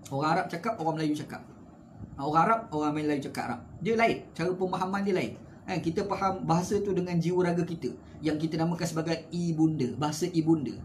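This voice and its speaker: A man with a Malaysian Malay accent giving a Quran commentary lecture, conversational and animated, often tossing in rhetorical tag questions. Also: slight background noise. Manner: animated swings in pitch and loudness. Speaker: religious teacher.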